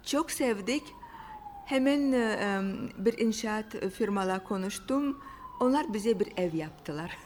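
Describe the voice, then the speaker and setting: A Russian woman talks casually in foreign-accented, broken Turkish. Her phrases are short and simple, with halting searches for words and slips in grammar. Her voice sits at an average pitch for a woman. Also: lively intonation, darkish tone, slight background noise. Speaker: interview guest. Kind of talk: casual personal storytelling.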